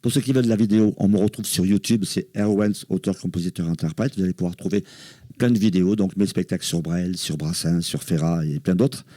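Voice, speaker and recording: A man's voice: sits low, mellow, dry recording. Chatty French singer-songwriter man. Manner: chatty and self-promoting, quick bursts of speech. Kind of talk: casual chat.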